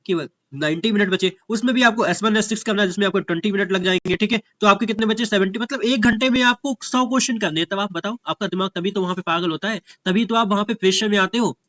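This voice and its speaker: Casting: young male exam teacher, high-pitched, chatty, repeats "ठीक है?" every line. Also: fairly bright tone, dry recording. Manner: keeps asking "ठीक है?" and addresses students as भैया; reads English slowly, spelling words letter by letter. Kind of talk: casual Hindi lecture with English reading.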